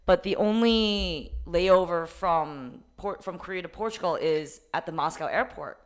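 A woman co-hosting a podcast, telling a story in a lively, casual way, swearing often and acting out what people said. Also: lowish voice, a little slow. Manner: animated, swears a lot, acts out quoted lines. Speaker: podcast co-host.

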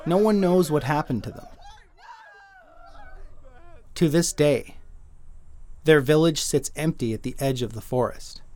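A man narrating his own written audio story in a measured, dry storytelling manner. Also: a little high, darkish tone, dry recording. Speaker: writer and narrator.

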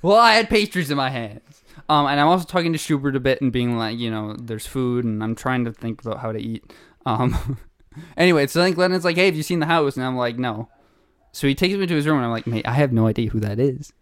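A young man co-hosting a podcast, telling a story in a casual, animated way with laughs and acted-out quotes. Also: mid-range voice, fairly quick, clean tone, dry recording. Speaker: podcast co-host.

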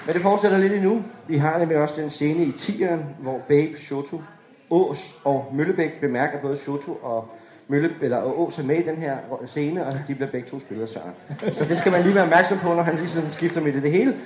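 A man's voice: on the high side, darkish tone. Casting: male narrator reading stage directions, echoey lo-fi room. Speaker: narrator and director of an amateur radio play. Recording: dull echoey room recording.

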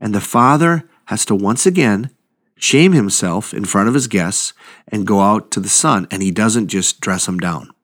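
A man delivers a sermon with a somewhat low voice. He tells the story in a lively, conversational way, with asides to the listeners. He acts out the quoted lines as he goes. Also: moderate pace. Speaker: preacher.

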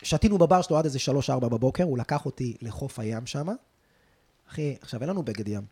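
A man, a stand-up comedian, telling stories in casual chat, animated and crude, peppering his talk with "bro", recorded indoors in a loft apartment. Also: mid-range voice, husky. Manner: animated, crude slang, constantly says "bro".

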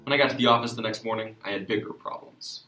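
An actor playing an exasperated, self-important sheriff who narrates a comic noir detective story. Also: male voice, fairly low pitch, fast, music in the background, close to an everyday voice. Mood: wry, hard-boiled. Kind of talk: comic hard-boiled noir narration and dialogue. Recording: roomy echo.

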